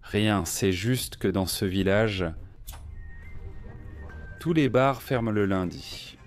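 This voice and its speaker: Soft background music accompanies a fairly low-pitched man speaking slowly as he hosts a cycling vlog. He chats eagerly while riding and touring a small shop, an enthusiastic, casual talker who often repeats "regarde".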